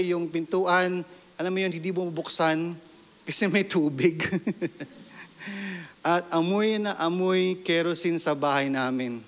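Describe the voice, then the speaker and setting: A man's voice: fairly high pitch, in a large hall. A man from the Philippines, a pastor, giving a sermon testimony and asking the congregation questions as he tells his story.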